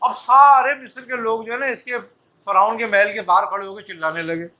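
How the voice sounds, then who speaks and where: A man's voice: high voice, steady tone, bright, forceful tone. A man, a Sufi teacher, telling a religious story in a casual way and acting out the dialogue of its figures. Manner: casual, acts out dialogue with quick voice shifts. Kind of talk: storytelling talk to disciples. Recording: dull lo-fi recording.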